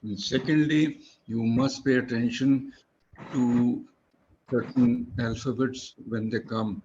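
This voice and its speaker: A man's voice: mid-range voice, steady tone, slow, darkish tone, highs cut off, slight background noise. A man teaching English pronunciation one-on-one, patiently spelling words out letter by letter. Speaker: English tutor.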